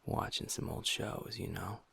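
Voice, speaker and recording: A man voicing Ash, a gentle young werewolf boyfriend and pack beta, weighed down by guilt, talking softly and intimately to his partner in an audio roleplay. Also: measured pace. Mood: subdued. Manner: soft, hushed, intimate talk to a partner.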